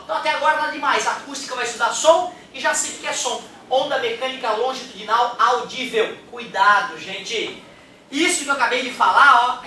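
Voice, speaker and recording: A man from Brazil, giving a lively, joking physics lecture in a classroom and acting out examples. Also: very high voice, slight background noise. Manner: animated and joking, acts out examples. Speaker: physics teacher. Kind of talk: exam-prep physics lecture. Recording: echoey room, mic at a distance.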